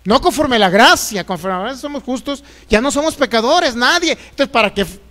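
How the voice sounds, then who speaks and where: A man's voice: very high-pitched, lively intonation, brisk, pushed and bright. A middle-aged man with a Jalisco Mexican accent, preaching a sermon as pastor, jokey and folksy, firing rhetorical questions.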